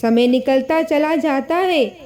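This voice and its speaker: A woman narrating a moral family story in a measured, dramatic storytelling manner. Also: sits high, mellow.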